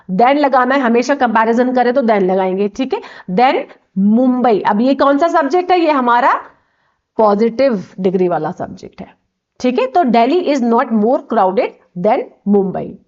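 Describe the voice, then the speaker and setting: A woman's voice: on the high side, dull audio. A woman teaching an English grammar lesson from slides, explaining step by step and often checking in with "okay".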